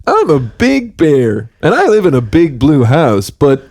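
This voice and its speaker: A man voicing a big, friendly cartoon bear who hosts a kids' show, in a slow, sing-song, soothing manner. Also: on the high side, huge pitch swings, darkish tone, dry recording, clean studio sound, pitched above the performer's own voice, heavily acted. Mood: cheery.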